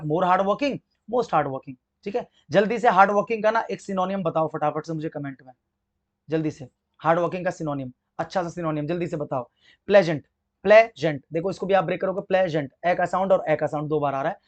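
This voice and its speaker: A man with a high voice gives an English grammar lesson for exam preparation, talking in Hindi with an accent from it. He slowly spells out words, asks the class questions, and answers them himself. The audio is dull.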